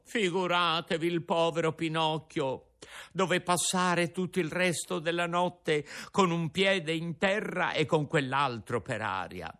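A man narrating a storybook in an expressive, animated way. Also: on the high side.

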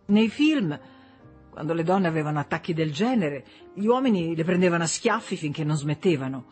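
A reader narrating a literary novel as an audiobook, in a measured, expressive way. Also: mid-range voice, husky, soft background music.

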